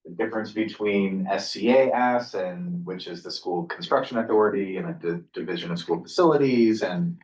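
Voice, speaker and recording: A fairly low-pitched man runs a public council meeting in a loose, hesitant way, filling gaps with fillers. He sounds far from the microphone, in a roomy, echoing space. The sound is dull and muffled. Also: normal speed, few pauses, a little mellow. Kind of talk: presiding over a public meeting. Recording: distant muffled mic in echoey room.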